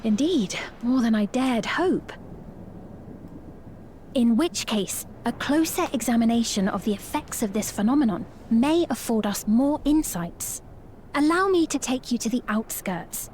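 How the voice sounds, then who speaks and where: Slow-speaking, gracious young queen Sphene. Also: fairly high pitch, lively intonation, darkish tone, a little hiss or hum. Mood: formal, composed. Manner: formal, courtly diction. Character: gracious, earnest young queen of a high-tech fantasy realm. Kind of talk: scripted fantasy video game acting.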